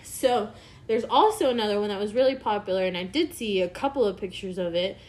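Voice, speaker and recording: A woman's voice: medium pitch, a little fast, darkish tone. Chatty rambling woman podcaster. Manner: rambling with filler words and swearing. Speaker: podcast co-host. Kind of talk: casual conspiracy chat.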